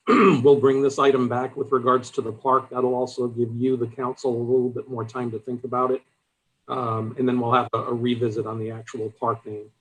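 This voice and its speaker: A man running items at a city council meeting, speaking in a measured, procedural way. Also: medium pitch, flat delivery, a bit bright, low-quality recording.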